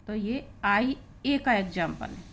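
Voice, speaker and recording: Animated yet a little slow, an Indian-accented woman with a medium-pitched, fairly bright voice gives a classroom pronunciation lesson in English. Words are spelled out letter by letter and each sound is said again, over slight background noise.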